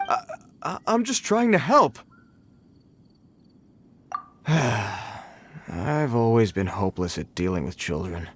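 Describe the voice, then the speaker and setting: An actor playing a dutiful, stiffly polite male city guard in an animated video game. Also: mid-range voice, slow, long pauses, breathy edge, full character voice. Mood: concerned, flustered. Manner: formal, stiffly polite, earnest. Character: dutiful, earnest adult male city guard, awkwardly formal.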